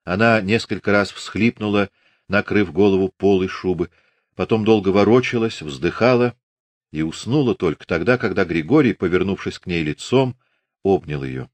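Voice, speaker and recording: A man reading a novel as an audiobook narrator, in a measured and expressive way. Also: low-pitched, no room sound.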